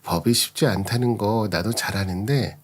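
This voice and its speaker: Male reader plays a scornful young wife confronting her cheating husband, low register. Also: normal speed, husky. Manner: cold, cutting, sarcastic.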